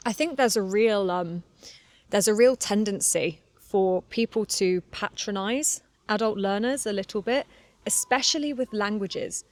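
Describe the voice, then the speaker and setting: A woman in her twenties from Cornwall, England, works as an English teacher and talks candidly on a relaxed solo podcast for learners, laughing often and using plenty of fillers. Her accent is Southern English with a slight London touch. Her mid-range voice moves at a measured pace in a dry recording.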